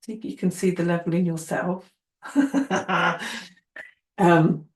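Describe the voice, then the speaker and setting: A woman occupational therapy trainer giving an earnest, encouraging, casual talk to newcomers. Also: lowish voice. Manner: earnest, encouraging, acts out quoted people. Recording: roomy echo.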